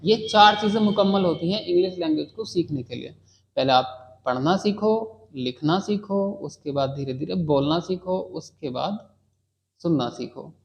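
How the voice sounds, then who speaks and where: A man's voice: fairly high pitch, normal speed, creaky. A man teaching a beginners' English class in a patient, repetitive way, often checking in with the students as he goes. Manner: patient, repeats key words and checks with "ठीक है". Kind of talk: classroom lesson. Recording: dull lo-fi sound.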